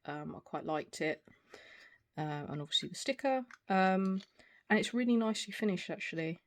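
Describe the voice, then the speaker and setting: With an animated, medium-pitched voice at a moderate pace, a reviewer in their forties rambles hesitantly through an off-the-cuff product review. The recording has clear background noise and small clicks.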